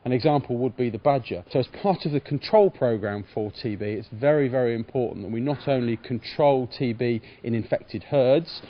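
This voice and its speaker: A male vet answers interview questions in a measured, professional way. His explanations are careful and plainly put. The recording is a little dull and lo-fi. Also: medium pitch. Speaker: farm veterinarian.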